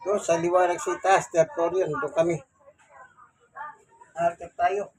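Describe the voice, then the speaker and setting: A Filipino man in his sixties, a senior citizen, vlogging at home about his chores and gently preaching about thanking God. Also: high voice, level tone, unhurried, husky. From Philippines. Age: 60s. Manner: devout, gently preachy, speaks to viewers politely. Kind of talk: casual home vlog with religious reflections. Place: home, indoors, doing laundry and climbing stairs.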